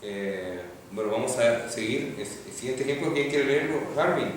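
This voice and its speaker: A man's voice: mid-range voice, expressive, normal speed. A man teaching a Hebrew grammar class, patiently explaining step by step and checking in with students. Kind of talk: classroom lecture. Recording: echoey classroom from far off, faint noise.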